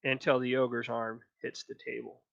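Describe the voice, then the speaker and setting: A man narrating a tabletop game as dungeon master, drawing out the scene slowly. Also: medium pitch, little pitch movement, creaky. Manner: slow, drawn-out scene narration. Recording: dry, slightly dull audio.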